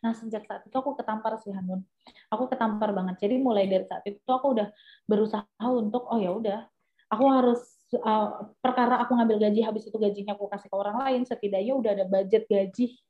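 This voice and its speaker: A woman's voice: mid-range voice, quick pace. A young adult woman, a business guest, talking casually and animatedly with lots of fillers. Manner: chatty, animated, with many fillers. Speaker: entrepreneur guest. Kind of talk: casual interview chat. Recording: echoey, dull lo-fi sound.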